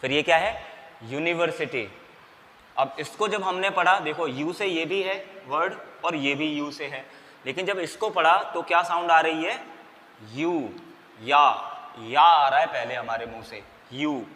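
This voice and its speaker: Speaking unhurriedly in a slightly high, bright, forceful voice, a man explains English grammar in Hindi. He quizzes himself, supplies the answers, and spells out letters. There's long reverb plus faint background noise.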